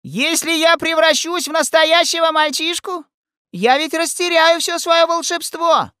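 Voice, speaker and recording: A man voicing a grumpy old male genie in an audiobook, with a squeaky, complaining delivery. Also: steady tone, a little slow, sharp tone, no echo, clean studio sound, full character voice. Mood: pleading. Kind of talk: audiobook character voice.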